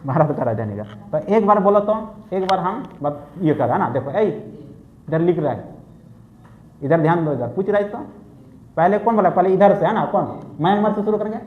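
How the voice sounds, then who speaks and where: A man's voice: sits high, lively intonation, normal speed. A male teacher with an eastern Hindi accent runs a rote drill in a coaching classroom, repeating and coaxing his students. The echoey room and tinny, phone-like sound give it a lo-fi feel, with faint room noise behind him. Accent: eastern Hindi, Jharkhand.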